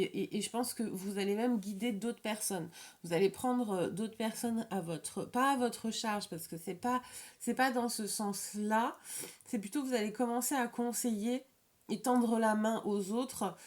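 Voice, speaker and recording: A woman's voice: on the high side, a little mellow. Lisping woman giving an informal card reading. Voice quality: slight lisp, slushy sibilants. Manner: halting, repeats and rephrases words. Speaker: tarot and oracle card reader. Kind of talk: informal, improvised card reading addressed to viewers.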